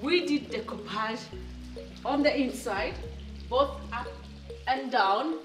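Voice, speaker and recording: A woman's voice: fairly high pitch, slow pace, a bit bright. A woman presenting a home makeover reveal in a gushing, delighted, admiring way. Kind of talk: makeover reveal vlog narration. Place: indoors in a house, walking between rooms. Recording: roomy echo, distant mic, background music. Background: music.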